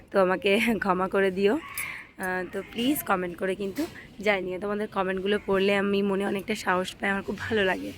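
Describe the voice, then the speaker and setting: A woman's voice: medium pitch, a bit bright. Mom vlogging on her phone, easygoing chatty talk, bit of faint noise around. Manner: chatty and homely, fillers like "tho chalo". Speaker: vlogger and mother. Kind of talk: casual home vlog talk to viewers. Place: home and rooftop, partly outdoors.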